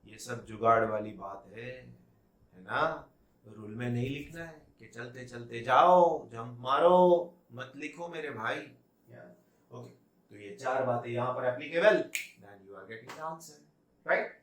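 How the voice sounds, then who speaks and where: A man teaching physics to students, coaxing them along with repeated questions in a lively, animated way. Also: mid-range voice, slow, recorded from a distance. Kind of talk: classroom lecture. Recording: echoey room, voice off-mic.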